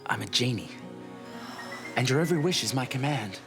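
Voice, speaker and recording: An actor with an Australian accent playing a lovestruck, earnest genie father, confiding troubles in a hushed, halting way. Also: medium pitch, lively intonation, lightly acted. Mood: nervous, halting. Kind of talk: television comedy-drama acting. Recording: loud music behind the voice.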